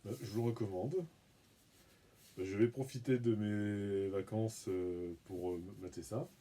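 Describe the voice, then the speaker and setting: A man hosting his own channel, talking through an unboxing in a relaxed, rambling, self-mocking way, humming and muttering as he handles things. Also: on the low side, unhurried. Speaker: video channel host. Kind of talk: casual unboxing commentary.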